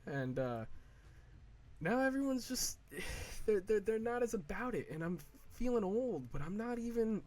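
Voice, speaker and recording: This gaming video creator, a man in his early twenties, has a high, darkish-toned voice with big pitch swings. He chats casually while playing a game, rambling with many fillers, restarts, and swearing. In quoted asides he slips into slow, drawn-out mock whining.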